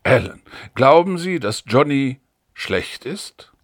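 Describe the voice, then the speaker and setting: Calm, guarded policeman, read by a man. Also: medium pitch, no room sound, clean studio sound. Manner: calm, measured. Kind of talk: audiobook dialogue reading.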